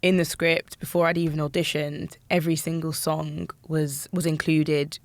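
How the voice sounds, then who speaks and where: A woman, an actress being interviewed, lively and giggly. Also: low voice, moderate pace. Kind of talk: casual interview chat.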